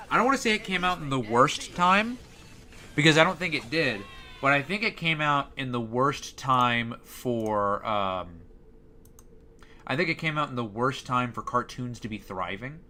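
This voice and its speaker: A man's voice: mid-range voice, lively intonation, unhurried, bright, forceful tone. A young man chatting casually on a live stream, rambling and hesitant, with lots of fillers.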